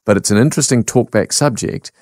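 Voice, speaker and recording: A man in his sixties with a New Zealand accent hosting talkback radio, animated and laughing often as he reads out listener texts. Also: mid-range voice, fast, dry recording, clean studio sound. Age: 60s.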